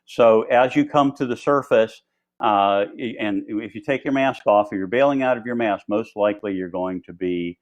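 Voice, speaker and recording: This instructor presents diving gear in a conversational, rambling live-video tutorial. His voice is fairly low and moves at a normal speed, and the sound is lo-fi.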